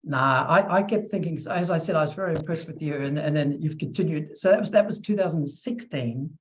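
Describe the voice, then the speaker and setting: A middle-aged man hosting an interview podcast, chatty and animated, acting out little quotes as he talks. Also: on the high side, fairly quick. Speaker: podcast host. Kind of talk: casual interview chat. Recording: dull lo-fi sound.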